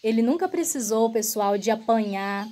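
A woman with a slightly raised pitch tells a personal story straight to her viewers. Her delivery is earnest and emotional, with loose, repetitive phrasing and frequent direct address to the audience. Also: lively intonation, moderate pace, warm tone. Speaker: vlogger.

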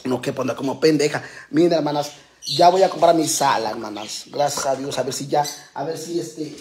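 A man's voice: fairly high pitch, moderate pace, darkish tone. A man chatting on a home livestream, campy and self-mocking, calling his viewers sisters. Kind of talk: casual livestream chat. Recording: echoey room, faint background noise.

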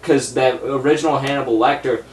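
A man's voice: mid-range voice, steady tone, a little fast, echoey room, a little hiss or hum. A young man reviewing a movie in a blunt, profane, exasperated rant, seated at a desk in a small room full of shelves. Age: young adult.

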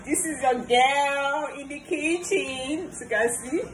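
Speaking slowly in a high voice, a young woman with a Nigerian accent talks casually into a phone at arm's length for her cooking vlog. She is indoors in a small kitchen at home, and the room ambience is noisy.

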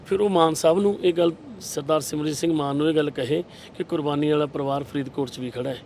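A man's voice: fairly high pitch, steady tone, fast, darkish tone, a little hiss or hum. A man, a political candidate giving impassioned, rhetorical interview answers and retelling scenes with quoted dialogue.

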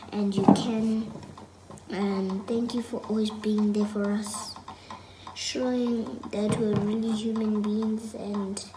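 Young girl praying softly, halting. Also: a little high, echoey room, noisy background. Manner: soft, halting prayer. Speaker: child praying.

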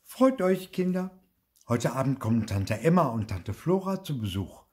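A man's voice: medium pitch, sing-song, moderate pace, a little mellow, breathy edge. An older man reading a children's story, putting on the voice of a cheerful mother making an announcement.

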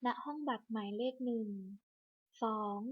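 A woman reading a scripted hospital clinic announcement over a public address system, in a measured, list-by-list delivery. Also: fairly high pitch, slightly rough. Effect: broadcast over a hospital public address system. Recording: muffled lo-fi loudspeaker broadcast.

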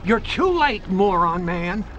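A scheming cartoon bubble villain, gloating and theatrical. The high voice swoops and takes its time. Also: male voice, big pitch swings, slow, dull audio, background noise, exaggerated voice. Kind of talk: cartoon game voice acting.

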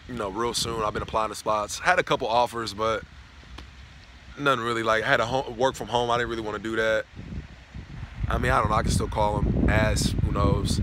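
This is a casual, rambling, profane vlog rant by a young adult man from Knoxville, Tennessee, who speaks in a fairly low voice. He records outdoors on a college campus with a phone camera at arm's length, so background noise is clearly audible.

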